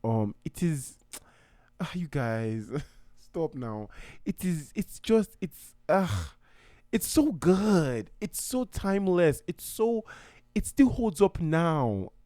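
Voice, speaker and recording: A man's voice: a little high, very animated, slow pace, warm tone, dry recording, clean studio sound. A young man from Nigeria hosting his own podcast in a casual, heartfelt way, rambling and often restarting his sentences. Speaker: podcast host. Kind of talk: casual solo podcast talk.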